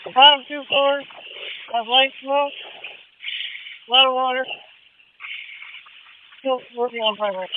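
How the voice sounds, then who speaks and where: A man's voice: very high-pitched, fairly even intonation, unhurried, pauses often. A man working as a firefighter, sending terse status reports over a two-way radio. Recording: noisy, distant, tinny two-way radio.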